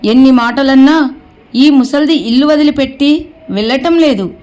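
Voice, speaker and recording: High-voiced Telugu woman telling a story. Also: moderate pace, darkish tone. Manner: sympathetic storytelling, sighs of pity. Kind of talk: narrated family story.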